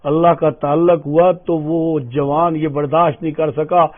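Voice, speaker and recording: A man's voice: fairly high pitch, fairly even intonation. An older man preaching an emotional storytelling sermon, acting out the voices in his stories. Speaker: Islamic preacher. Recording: tinny phone-like lo-fi sound.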